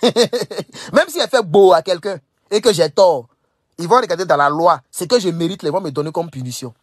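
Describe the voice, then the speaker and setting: A man's voice: fairly high pitch, husky, no room sound, studio quality. A young man from Burkina Faso, talking straight to camera, emphatic, repeating phrases and scolding his listeners. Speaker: political commentator. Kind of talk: casual direct-to-camera monologue.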